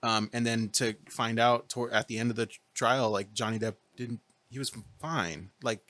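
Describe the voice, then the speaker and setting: A man's voice: mid-range voice, fairly even intonation, moderate pace, a bit bright, no room sound. A man in casual discussion, explaining his point emphatically and checking that listeners follow.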